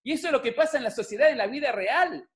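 Extremely high-pitched and fast-talking, a middle-aged man with a Rioplatense Argentine accent gives a religious talk at home on camera. He tells humorous stories, animated and jokey, full of asides to the audience.

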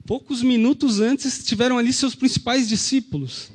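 With a very high-pitched voice carrying a breathy edge, a Brazilian-accented pastor preaches at a moderate pace for Easter. He narrates the story and challenges the congregation with rhetorical questions.

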